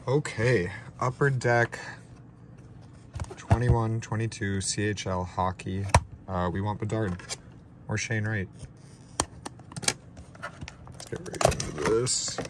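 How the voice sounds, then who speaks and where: A young man with a blocked nose opens trading card packs in a small room with a ring light, chatting casually and self-deprecatingly without a script. His lowish voice is steady and slow, broken by long pauses, and the recording is very noisy.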